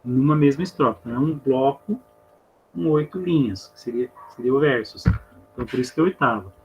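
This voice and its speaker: A man's voice: medium pitch, a little fast, darkish tone. Brazilian male teacher, patient step-by-step explainer, muffled lo-fi call audio with a faint hum. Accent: Brazilian Portuguese. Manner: patient, counts syllables aloud step by step. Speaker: literature teacher. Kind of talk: online class explaining poetry.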